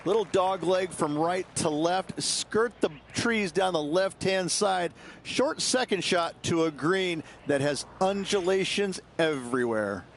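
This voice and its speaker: Slightly high-voiced golf commentator. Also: male voice, expressive, unhurried, slight background noise. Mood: matter-of-fact. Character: knowledgeable, matter-of-fact male golf course analyst. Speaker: second golf commentator, course analyst. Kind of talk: golf commentary, describing the course.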